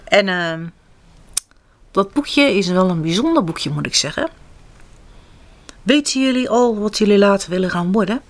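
A woman reading children's picture books aloud with an expressive, sing-song delivery. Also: mid-range voice, moderate pace, long pauses. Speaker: children's storyteller.

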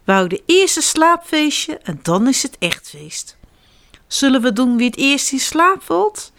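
Woman playing a mama bear, high and a bit panicky, storybook voice. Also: big pitch swings, unhurried, vocal fry, fairly bright tone, heavily acted. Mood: coaxing. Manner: alarmed, fussy. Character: startled mother bear.

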